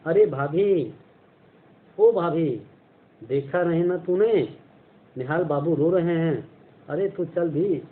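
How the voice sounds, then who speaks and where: A man voicing an excited teenage girl who urgently calls out to her sister-in-law. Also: fairly high pitch, slow pace, pauses often. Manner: urgent, calling out loudly. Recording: tinny phone-like sound, faint noise.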